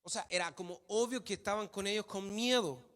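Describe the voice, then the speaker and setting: A man's voice: sits high, fairly quick, a bit bright. A man preaching a sermon in a church hall, emphatic, repeating phrases for stress. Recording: long hall reverb.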